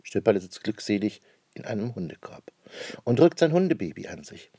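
Low-voiced man reading a children's story. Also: very animated, a little fast, warm tone, breathy edge, no echo. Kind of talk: scripted narration of a children's Christmas story.

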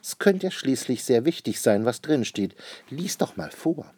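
A man's voice: medium pitch, sing-song, measured pace, darkish tone, slightly rough, no echo, pitched above the performer's own voice. A man voicing a cheerful, playful cartoon father in a children's story. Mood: cheery.

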